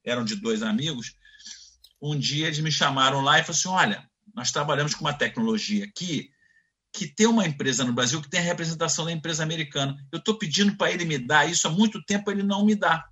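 The audio is dull as a Carioca-accented man in his fifties races through his career story in an interview. A fast talker with a slightly high voice, he is animated and voices the people in his anecdotes himself.

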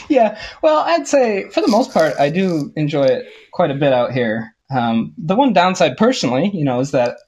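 A man in his twenties from Ohio, a podcast guest, answering in a relaxed way with frequent laughs and ums. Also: a little high, unhurried, slightly rough. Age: 20s. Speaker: guest, audio engineering tech. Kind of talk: casual interview chat.

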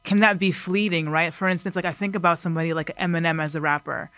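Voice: mid-range voice, fairly even intonation, fast talker, bright, forceful tone, dry recording. A podcast host asking questions in casual chat, rambling with many fillers and restarts.

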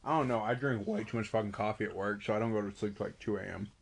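A man's voice: fairly low pitch, fairly even intonation, fast, creaky, slightly rough. Drunk young man teasing his friend. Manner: teasing, profane, laughing often. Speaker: podcast co-host. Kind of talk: casual chat.

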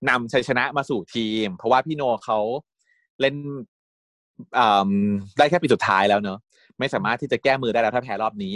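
A man chatting casually as a fan retelling episodes, animated and gushing. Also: medium pitch, dry recording. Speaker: fan recapping a series. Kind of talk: casual chat.

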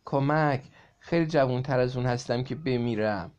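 A man's voice: on the low side, expressive, a little mellow, dull audio, close to an everyday voice. A man voicing a dramatic schoolgirl who cries out in fear, reading a storybook aloud. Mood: frightened. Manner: exclaiming dramatically.

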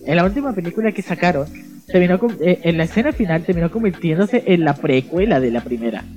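A man's voice: high-pitched, animated, fast, darkish tone, muffled recording, soft background music. A young Chilean man co-hosting a casual podcast, rambling and hesitant as he searches for a film to recommend. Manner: hesitant, rambling, laughs at himself. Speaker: podcast co-host. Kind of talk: casual chat.

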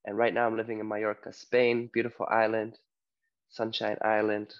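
A man's voice: fairly low pitch, completely flat delivery, moderate pace, highs cut off. A man from Canada, a guest health coach, talking casually and loosely with many fillers over a video call. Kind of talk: casual interview talk. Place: home on an island in Spain.

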